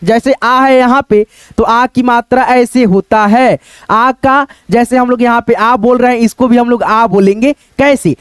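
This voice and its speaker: A man's voice: very high voice, fairly even intonation, a little slow, smooth, dry recording. A man teaching the script in a repetitive, patient way, often asking his viewers check questions. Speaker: online Hindi teacher. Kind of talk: teaching at a board, explaining step by step.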